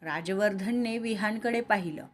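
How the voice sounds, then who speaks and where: A woman's voice: mid-range voice, normal speed, a little hiss or hum. A woman reading a romantic serial story aloud, voicing every character in her own voice. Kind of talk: scripted story narration with dialogue.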